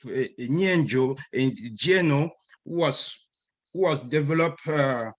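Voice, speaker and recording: A man's voice: sits high, a bit bright. A man from Cameroon, speaking earnestly at an online group meeting and often repeating words as he searches for them. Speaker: guest speaker.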